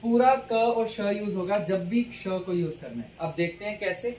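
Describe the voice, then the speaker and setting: Patient man spelling out letters slowly. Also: high voice, expressive, a little mellow, roomy sound, recorded from a distance, slight background noise, poor audio. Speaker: language teacher. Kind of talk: spoken writing lesson.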